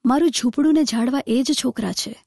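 A poor old gardener speaks slowly and wearily, as a woman reads him. His pleas are soft and humble. The sound is dry and close. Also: high-pitched, gravelly, slightly rough, no room sound, full character voice. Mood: pleading.

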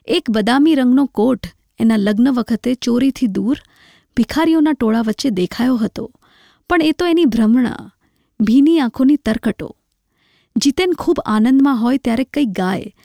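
A woman narrating a literary short story in a measured, reflective way. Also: on the high side, creaky, warm tone, no echo, studio quality.

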